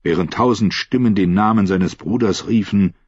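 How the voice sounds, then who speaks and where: A man's voice: fairly low pitch, moderate pace, breathy edge, no room sound, highs cut off. A man narrating a fantasy audiobook in a dramatic, scripted style.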